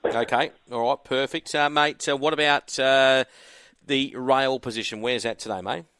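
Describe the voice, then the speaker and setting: A man's voice: mid-range voice, fairly even intonation, moderate pace, fairly bright tone, smooth, no echo. An Australian man hosting a live racing radio show, interviewing guests casually on a studio microphone.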